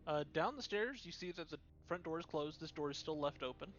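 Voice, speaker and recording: A man's voice: a little high, expressive, brisk. Rambling young man running a tabletop game. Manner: loose and rambling, full of fillers. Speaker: dungeon master. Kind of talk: casual tabletop game narration. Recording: dull lo-fi recording, faint music.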